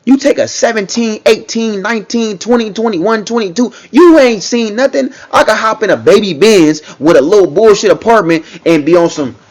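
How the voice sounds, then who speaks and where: A man's voice: high voice, moderate pace, few pauses. A man giving casual reaction commentary, talking in a loose, repetitive way and often checking in with the listener. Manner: conversational, repeats himself, frequent "you know what I'm saying".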